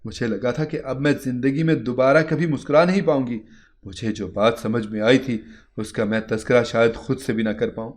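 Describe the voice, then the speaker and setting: A man's voice: medium pitch, steady tone. Man narrating a moral story. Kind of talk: scripted first-person story narration.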